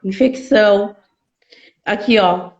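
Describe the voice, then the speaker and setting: A woman's voice: medium pitch, slow, darkish tone. A woman shares her own experience of grief in an earnest, emotional way. She repeats phrases for emphasis as she talks. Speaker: speaker sharing a personal grief story. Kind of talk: heartfelt conversational talk. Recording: roomy, slightly dull sound.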